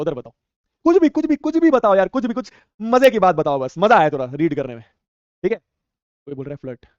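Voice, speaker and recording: High, fast-talking playful man. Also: dry recording. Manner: playful, teasing and slangy. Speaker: online class teacher. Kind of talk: casual live chat reading viewer comments. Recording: dull, dry sound.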